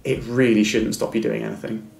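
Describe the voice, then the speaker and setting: A middle-aged man, a guest in a reflective interview, gives earnest, encouraging advice while stammering, repeating words and restarting. His fairly low voice is flat, fairly quick, creaky and darkish. The room is echoey, with faint music.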